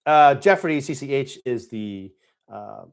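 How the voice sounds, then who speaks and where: Guy hosting a live q&a stream, super excited, rambles and backtracks a lot, mid pitch. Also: slow pace. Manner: enthusiastic, rambling, with self-corrections. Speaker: host. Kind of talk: casual live-stream Q&A chat.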